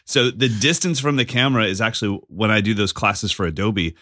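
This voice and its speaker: A man co-hosting a podcast in casual chat, an animated storyteller who acts out the lines he quotes. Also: on the low side, a little fast, no room sound, studio quality. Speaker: podcast co-host.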